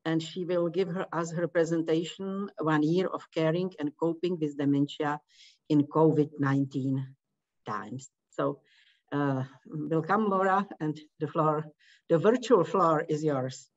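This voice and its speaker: Czech woman moderating a session, halting. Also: low-pitched, fairly even intonation, a little mellow. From Czech Republic. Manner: halting, hesitant non-native phrasing. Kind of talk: conference moderation. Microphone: video call. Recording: muffled video call audio.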